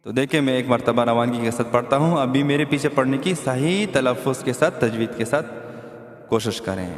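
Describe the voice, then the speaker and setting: Male Quran teacher in an echoey hall. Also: medium pitch. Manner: explains letter sounds, then chants verses slowly. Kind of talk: Quran recitation lesson. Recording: echoey hall with faint music.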